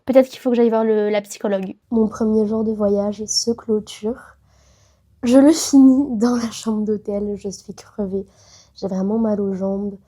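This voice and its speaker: A teenage travel vlogger in her late teens with a head cold chats casually to camera, rambling a bit with frequent fillers and restarts. Her mid-range voice is warm and steady, at a measured pace.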